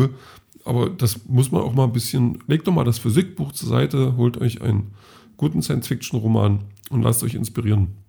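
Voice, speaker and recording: At home, a man rambles through a casual vlog about his day, correcting himself often and filling gaps with lots of fillers. His voice is medium-pitched, creaky, dark, and slightly rough.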